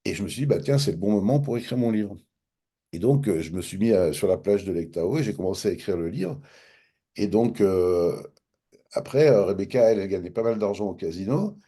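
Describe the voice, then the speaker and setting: Husky French man telling a story. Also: lowish voice, brisk. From France. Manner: animated, acts out both sides of past dialogues. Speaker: interviewee. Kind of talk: casual storytelling.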